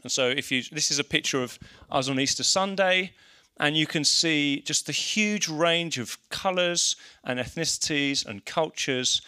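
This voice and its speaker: Bright, higher-voiced English man leading a seminar. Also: measured pace, clear, resonant tone. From English Midlands. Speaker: church leader presenting a seminar. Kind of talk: informal seminar presentation.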